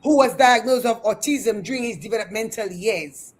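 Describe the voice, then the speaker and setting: A woman's voice: fairly high pitch, a little hiss or hum. Effusive woman talk show host. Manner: effusive, slow and deliberate. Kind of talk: interview hosting.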